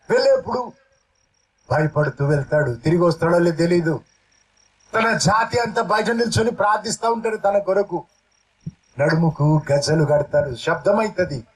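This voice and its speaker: A man's voice: high voice, low-quality recording. A male pastor preaching a sermon and leading his congregation through a repeat-after-me prayer.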